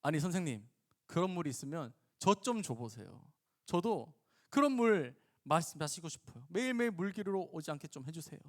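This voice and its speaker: A man voicing a sharp-tongued, guarded Samaritan woman who retorts defiantly. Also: mid-range voice, monotone, quick pace, creaky, hardly any pauses, voice pushed down. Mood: sarcastic.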